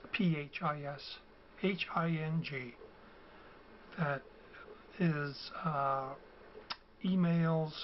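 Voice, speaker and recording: Talking through a casual explanation for his video, an older man struggles with a cold-roughened, failing voice pitched slightly high. He goes slowly, stopping and starting with ums and uhs, over a faint hum in a dull, lo-fi recording.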